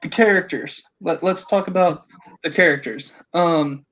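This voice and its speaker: A man with a distinctly high-pitched voice hosts a casual podcast discussion. He works through his thoughts out loud, restarting and rewording. The sound is slightly lo-fi and muffled. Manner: halting, repeats and rephrases as he thinks aloud. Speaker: podcast host.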